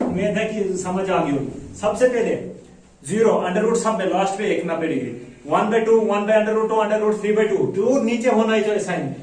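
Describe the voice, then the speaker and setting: A man teaching a math lesson in plain spoken style, explaining slowly and repeating steps while checking that students follow. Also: sits high, a little mellow. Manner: slow, repetitive explaining with frequent checks for understanding. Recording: echoey room, voice from a distance.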